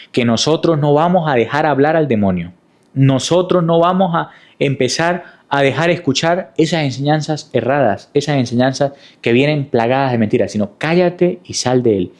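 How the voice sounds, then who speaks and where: At normal speed and medium pitch, a man delivers a sermon in a teaching style, returning to key points again and again and asking rhetorical questions.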